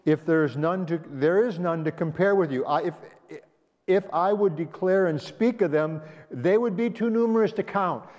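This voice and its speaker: A pastor conversationally teaches a Sabbath school class in a church sanctuary, asking the class questions as he goes. His voice is fairly high with a darkish tone, at normal speed. It's captured as a dull, echoey church hall recording.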